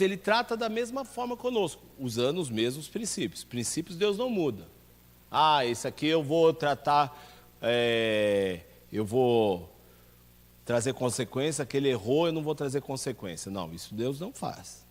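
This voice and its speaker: A man's voice: fairly high pitch, big pitch swings, moderate pace. A man with a Brazilian Portuguese accent, a pastor teaching a ministry class in a church, who puts questions to the class and answers them himself. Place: church hall. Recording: long hall reverb.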